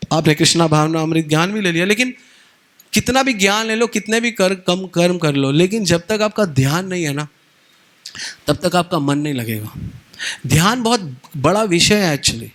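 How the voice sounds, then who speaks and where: A middle-aged man giving a devotional lecture at a retreat, animated, acting out little dialogues and mixing in English words. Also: sits high.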